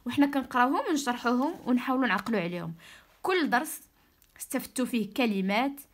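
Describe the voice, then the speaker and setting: Moroccan woman teaching French sounds slowly. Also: fairly high pitch, animated. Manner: slow, careful spelling out of French sounds, mixing Darija explanations. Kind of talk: online lesson.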